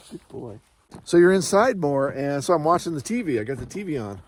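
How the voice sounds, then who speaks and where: A middle-aged man vlogs in a relaxed, chatty way while standing out in the snow by his trailer. His voice sits a little higher than most men's, and he's a bit out of breath from the cold, with a dog close by. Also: fast. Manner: chatty, talks to his dog between remarks. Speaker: RV vlogger. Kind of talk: casual vlog chat to camera. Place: outdoors in snowy mountains beside a travel trailer. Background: dog nearby.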